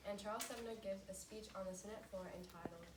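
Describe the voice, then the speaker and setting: A woman's voice: medium pitch, fast talker. Jokey woman narrating a class presentation. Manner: lively, jokey storytelling. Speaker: student presenter. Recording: echoey room, distant mic, music.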